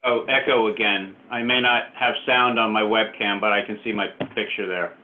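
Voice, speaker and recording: A man's voice: lowish voice, fairly even intonation, moderate pace, slight background noise. A man joining a virtual public meeting by phone, presenting his application hesitantly with many fillers and restarts. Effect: heard over a phone line. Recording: tinny phone line.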